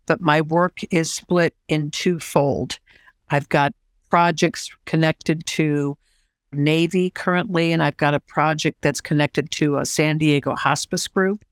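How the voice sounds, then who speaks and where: A woman's voice: sits low, no room sound. Enthusiastic older woman, dry sound. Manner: enthusiastic, expressive storyteller. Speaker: interview guest, social worker and counselor. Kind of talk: casual conversation.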